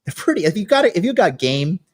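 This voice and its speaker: Brash, boastful male podcast host, late thirties, animated delivery. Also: high-pitched, quick pace. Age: 30s. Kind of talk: casual podcast chat.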